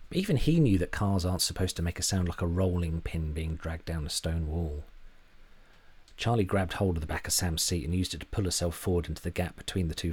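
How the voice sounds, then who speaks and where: A man's voice: low voice, breathy edge. A man narrating a story in a dry, wry manner.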